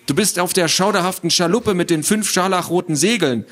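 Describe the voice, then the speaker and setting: Man doing a shrill, excitable little boy. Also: a little fast. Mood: excited, shrill. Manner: shrill, easily frightened. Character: excitable young boy playing pirate.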